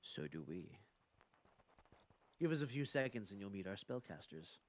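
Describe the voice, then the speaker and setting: A man playing a cool, threatening adventurer in a tabletop game, speaking in a measured, deliberate way. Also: lowish voice, very animated, pitched below the performer's own voice. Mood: calm negotiating. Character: cool, threatening male adventurer, offering bargains. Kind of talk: in-character tabletop role-play.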